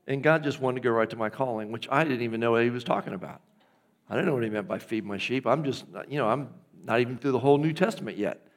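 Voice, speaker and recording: Gravelly middle-aged pastor preaching in church, keeps asking "you with me". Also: male voice, mid-range voice. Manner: conversational preaching with audience check-ins. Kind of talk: sermon. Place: church sanctuary.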